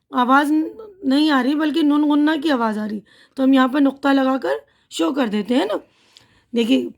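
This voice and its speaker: A woman teacher giving a patient primary school lesson, explaining slowly and often checking that the children follow. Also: sits high, a little mellow. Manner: patient, slow explaining, often asks "right?".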